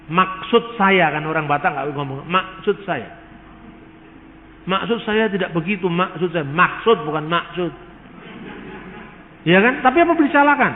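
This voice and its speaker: A man's voice: a little high, slight background noise. A man giving a lecture, explaining words and asking rhetorical questions as he teaches. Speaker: lecturer on religious texts. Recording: tinny phone-like sound with long hall reverb.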